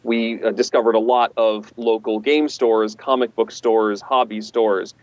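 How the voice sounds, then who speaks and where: Guy with a smooth velvet voice chatting casually, dry humor, kinda dull lo-fi audio. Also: lowish voice, fairly even intonation, a little slow, a little mellow, no room sound. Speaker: guest voice actor. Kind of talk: casual interview chat.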